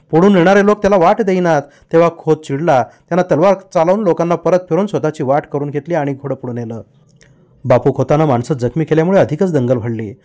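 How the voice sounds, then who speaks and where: A man's voice: a little high, dark tone. A man reading a novel aloud as an audiobook, narrating with vivid storytelling. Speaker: audiobook reader.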